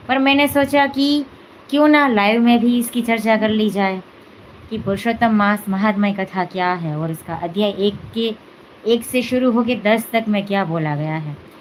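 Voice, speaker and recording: A woman's voice: mid-range voice, low-quality recording. Woman, devotional live-stream host, chatty and casual, lots of fillers, faint background hum. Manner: chatty, many fillers and "है ना" asides.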